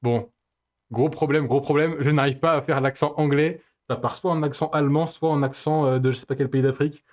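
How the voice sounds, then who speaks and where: A man's voice: on the high side, steady tone, a little fast, a little mellow. A man streaming himself playing a game, commenting in a playful, joking way and laughing often. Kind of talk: let's play commentary.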